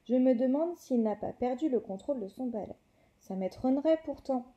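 A woman reading a storybook aloud, voicing a big gruff kindly man who grumbles. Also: sits high, lively intonation, normal speed, warm tone. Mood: worried.

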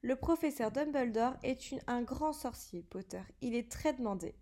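A woman's voice: on the high side, expressive, normal speed, warm tone. A woman voicing a strict older female professor who speaks coldly and clipped. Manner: cold, clipped.

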